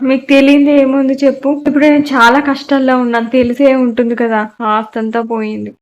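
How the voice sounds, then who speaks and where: A woman's voice: high-pitched, level tone, fast talker, lo-fi sound. A woman with a Telugu accent voicing the mother-in-law in a cartoon moral story, pleading and emotional.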